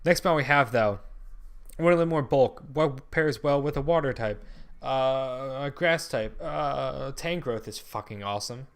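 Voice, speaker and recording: A man's voice: medium pitch, a little slow, creaky, clear, resonant tone. A young man in casual gaming commentary, thinking aloud with lots of ums, frequent swearing and restarted sentences. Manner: rambling, drops and restarts sentences. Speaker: channel host.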